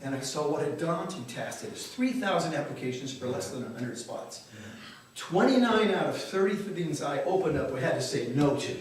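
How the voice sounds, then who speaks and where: An older dentist's story-slam talk to a live audience is candid, earnest and wry, with occasional swearing to drive points home. His voice runs on the high side, expressive and moderately paced. The large hall echoes, he sounds distant, and slight background noise is present.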